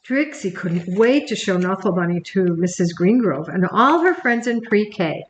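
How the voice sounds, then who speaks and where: An older woman, a grandmother, reading a picture book aloud on camera and gently talking to her grandchild between pages. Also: medium pitch, big pitch swings, measured pace, reverberant, a little hiss or hum. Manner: gentle, talks to the child by name between pages. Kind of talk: recorded bedtime story reading.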